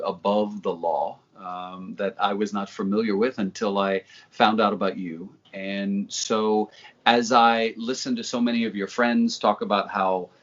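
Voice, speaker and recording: A man's voice: lowish voice, a bit bright. A man conducting an interview, laying out background and asking questions. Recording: dull lo-fi audio.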